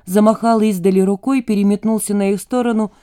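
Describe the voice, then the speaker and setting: A woman giving an expressive, lively audiobook narration. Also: mid-range voice, a little fast, clean tone.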